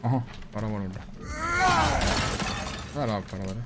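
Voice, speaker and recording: A man giving casual let's-play commentary, swearing, talking back to the game and bursting out loudly. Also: fairly low pitch, steady tone, fairly quick, heavy background noise. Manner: swearing, talks back to the game, loud outbursts. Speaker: gamer streamer. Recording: loud game music behind.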